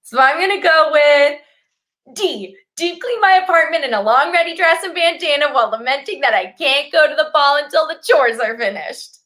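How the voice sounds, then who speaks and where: Actress as young female game show contestant, very high and bright, earnest and a little frayed, comic delivery. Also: expressive, normal speed. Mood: chirpy, eager. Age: young adult. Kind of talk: comic stage acting.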